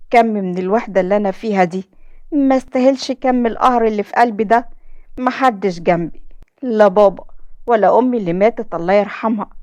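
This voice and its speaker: A woman's voice: mid-range voice, a little mellow, dry recording. A young woman with an Egyptian accent narrating a dramatic first-person story in an emotional, heartfelt way. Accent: Egyptian Arabic.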